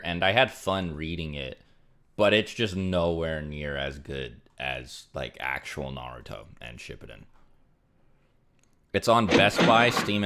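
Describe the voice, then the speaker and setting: A young male streamer chats casually through a livestream, reading and answering donations while rambling with plenty of fillers like "like" and "um". His voice is low, bright and forceful.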